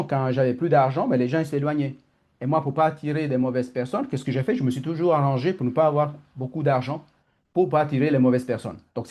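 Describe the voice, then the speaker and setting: A man with an Italian accent tells a personal story to his students, quick and rambling, often correcting himself mid-sentence. His voice is mellow and warm, set in a middle register. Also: mid-range voice. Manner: fast, rambling, self-correcting. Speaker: personal growth teacher. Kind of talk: candid storytelling talk.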